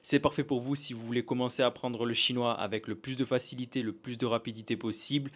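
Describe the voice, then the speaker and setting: A man reading a rehearsed sales pitch for an online school. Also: flat delivery, fast, fairly bright tone. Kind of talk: scripted promo read.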